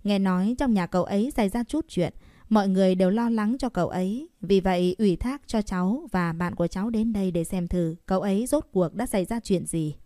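Narrator as a calm young woman, soft and courteous, in a dry, close recording. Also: medium pitch, fairly quick, no echo, lightly acted. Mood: calm polite. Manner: gentle, composed.

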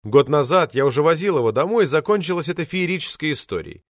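Expressive, ironic male audiobook narrator. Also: fairly high pitch, fast talker, no room sound, clean studio sound. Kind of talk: first-person novel narration.

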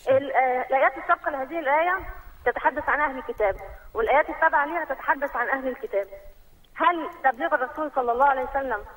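Rapid bright woman caller over the phone. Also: high voice. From Saudi Arabia. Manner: rapid, reads out verse numbers and quotes in one long run. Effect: heard over a phone line. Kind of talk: phone-in question to a religious program.

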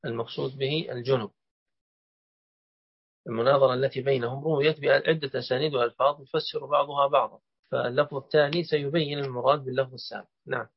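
A man's voice: medium pitch, steady tone, fast, slightly rough, no echo. A man teaching a hadith collection, quizzing his student and then explaining each point at length. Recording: dull lo-fi recording.

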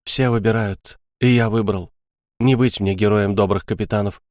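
A tense, fired-up young man who snaps out his words, caught between fear and anger, as a man reads him aloud. His voice sits low but in a very dry, close space. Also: steady tone, moderate pace, darkish tone, no echo, natural voice. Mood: resolute. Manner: agitated, snapping. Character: agitated young male friend, scared and angry.

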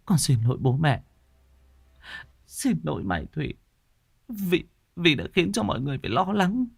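A man's voice: fairly high pitch, sing-song, moderate pace, gravelly, breathy edge, no room sound, studio quality, voice pushed up, full character voice. A man voicing a sick, cursed young woman who speaks faintly and tearfully in a ghost story.

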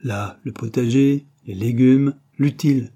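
A man reading aloud, voicing a cheerful and sensible young woman in a raised, lively voice. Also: medium pitch, measured pace, lightly acted. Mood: bright, sensible.

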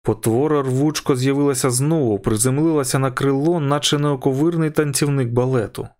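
A man's voice: mid-range voice, fairly quick, darkish tone. Man narrating an audiobook. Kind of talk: scripted narration.

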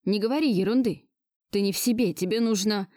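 A woman's voice: medium pitch, fairly quick, mellow, dry recording, studio quality, natural voice. A woman voicing a domineering, possessive rich man who barks orders, in her own everyday voice. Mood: pleading. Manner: commanding, barking orders.

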